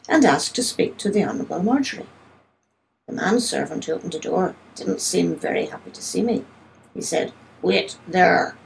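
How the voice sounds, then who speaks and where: A woman reading a story aloud as its first-person narrator, in a steady, measured storytelling manner. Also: lowish voice, vocal fry, slight background noise, poor audio.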